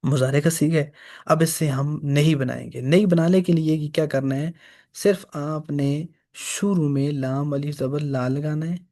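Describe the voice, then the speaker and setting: A man's voice: on the high side, a little mellow. A man teaching Arabic grammar for reading the Quran, patiently repeating each example. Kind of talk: grammar lesson.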